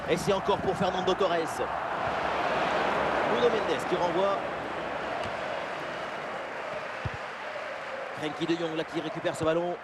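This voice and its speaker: A man playing an excited football play-by-play commentator, calling names in clipped bursts and surging on big plays. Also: high voice, normal speed, a loud crowd, very noisy, close to an everyday voice. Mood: focused, engaged.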